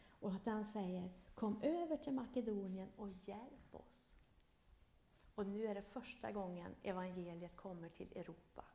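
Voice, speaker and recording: A woman preaching a sermon, retelling a Bible story, swinging between loud emphasis and hushed whispers. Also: mid-range voice, gravelly. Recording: echoey room.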